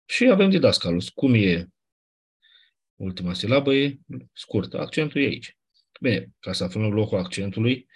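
A man's voice: on the low side, husky. A male teacher explaining a lesson in an informal way, checking in with his students and repeating the key points.

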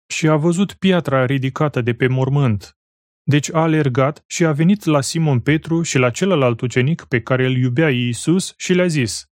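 A man's voice: a little high, darkish tone, no room sound, studio quality. Solemn man reading scripture aloud. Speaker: Bible reader.

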